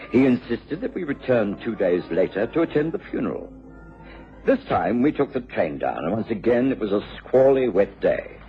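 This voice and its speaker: An actor playing a gentlemanly doctor who narrates a detective case in a radio drama, formal and courteous. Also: male voice, fairly low pitch. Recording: muffled radio recording with music.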